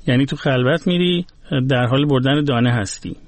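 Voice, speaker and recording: A man's voice: medium pitch, no room sound. A man hosting a talk show, reading song lines aloud and translating them word by word. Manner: explains words slowly, reads lines aloud and translates them. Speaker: podcast host explaining Gilaki lyrics. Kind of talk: casual explanatory talk.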